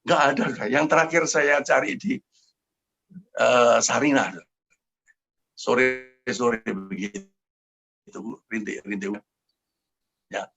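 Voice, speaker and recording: An older man preaching and telling his own story to a congregation on a video call, fervent and swinging from quiet to loud. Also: medium pitch, slow pace, vocal fry, long pauses, dull audio. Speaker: pastor. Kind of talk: sermon with testimony.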